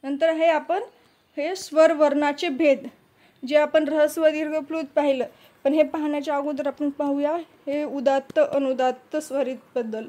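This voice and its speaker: A woman's voice: sits high, fairly even intonation, normal speed, warm tone. A woman teacher explaining grammar step by step, asking questions and answering them herself. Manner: asks questions and answers them herself, repeats key terms.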